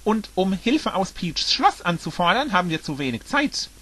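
A man's voice: high-pitched, big pitch swings, moderate pace, pushed and bright, breathy edge, pitched above the performer's own voice, heavily acted. A man reading the lines of a worried, helpless male dinosaur in a fan-made audiobook, fretting and reasoning aloud.

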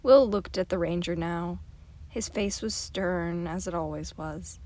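A woman narrating an amateur audiobook with a somewhat low voice. Her reading is steady and clear, carrying the story along evenly. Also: a little slow. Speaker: audiobook reader.

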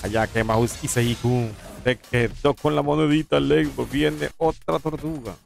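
A man's voice: medium pitch, steady tone, a little slow, creaky, darkish tone, faint music behind. Playful Panamanian man casting esports. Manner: playful, teasing chat with viewers between play-by-play. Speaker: esports caster. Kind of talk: live game commentary.

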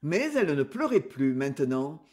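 A man narrating a French literary audiobook in an expressive, measured storytelling manner. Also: fairly high pitch.

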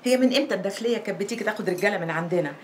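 A woman's voice: mid-range voice, racing, slight background noise, natural voice. An actress playing a gossipy, mocking older Egyptian neighbor woman in a film drama, talking dramatically.

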